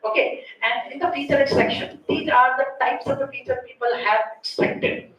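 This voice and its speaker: A woman with a high-pitched, slightly bright voice and an Indian accent speaks at normal speed as a conference presenter giving a technical lecture. She lays things out stepwise and regularly ends with "right?" or "okay" to check understanding. Her audio is distant and very reverberant, with faint noise.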